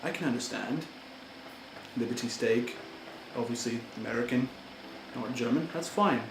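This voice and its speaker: In an amateur role-play monologue, a man plays an earnest, indignant German-born immigrant pleading for fair treatment. His voice is medium-pitched, gravelly and close to everyday speech, at a moderate pace, recorded in an echoey room with background noise.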